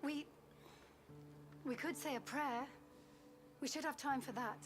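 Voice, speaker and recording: A woman's voice: high-pitched, fairly even intonation, measured pace, music in the background. An actress playing a solemn young mourning woman in a fantasy game. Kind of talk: fantasy game character acting.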